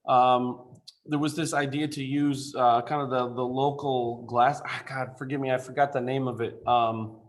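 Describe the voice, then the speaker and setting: Man on a video call, architect pitching a design, casual and halting, mid pitch. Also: level tone. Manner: informal, halting, many fillers and restarts. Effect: speaking remotely over a video call. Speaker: architect presenting a building design. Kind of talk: presentation to a council.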